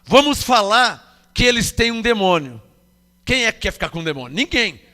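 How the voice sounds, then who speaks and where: A man's voice: sits high, very animated, moderate pace, sharp tone, in a large hall. A man with a Brazilian Portuguese accent preaching a sermon, emphatic, questioning the congregation and acting out quoted voices. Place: church hall.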